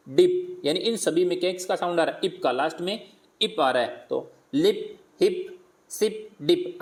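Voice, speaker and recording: A man teaching primary pupils, slowly repeating words and sounding them out, asking questions and answering them himself. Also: on the high side. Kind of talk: worksheet lesson for primary pupils.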